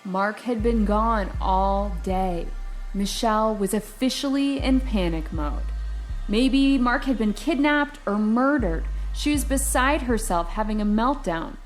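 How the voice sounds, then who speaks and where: A woman's voice: mid-range voice, measured pace, soft background music. A woman hosting a true-crime review podcast, retelling the story with playful, sarcastic asides. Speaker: podcast host.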